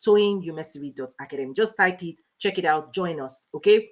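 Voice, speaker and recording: A woman hosting a motivational livestream as a life coach, talking fast and emphatically, repeating key points and greeting viewers by name. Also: fairly low pitch, noisy background. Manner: speaking fast.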